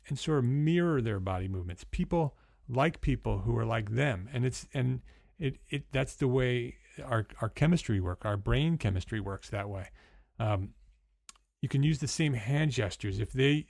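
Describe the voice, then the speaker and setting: A man's voice: medium pitch, darkish tone, dry recording, clean studio sound. A man from New Jersey with a New Jersey accent, giving conversational sales coaching as a numbered list of tips, often restarting his phrases. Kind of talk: instructional talk.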